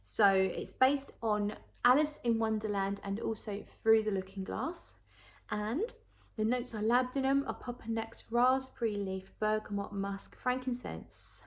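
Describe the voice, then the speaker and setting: A woman's voice: a little high, unhurried. Chatty woman reviewing casually, thinking aloud. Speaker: perfume reviewer. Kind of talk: casual review chat to viewers.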